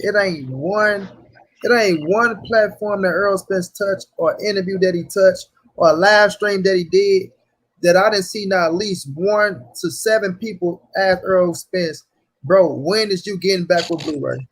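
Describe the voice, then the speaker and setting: A man's voice: high voice, normal speed. A man hosting a live stream, reading viewer questions and talking earnestly in casual chat. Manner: earnest, swears oaths, reads viewer questions.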